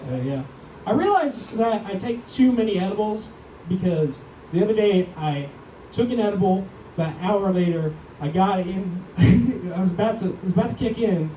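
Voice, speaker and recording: A young man doing a stand-up comedy set, self-deprecating and deadpan, raising his voice when he acts out quotes. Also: high-pitched, moderate pace. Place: comedy club stage. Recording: echoey club, mic heard from far, audience noise.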